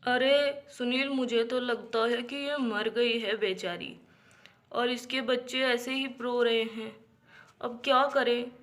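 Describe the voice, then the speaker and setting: A steady, practical young man talks things through slowly, as a woman puts him on. The voice is dropped lower than her own but stays fairly high and bright. He speaks matter-of-factly in a homemade doll storybook video. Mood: serious.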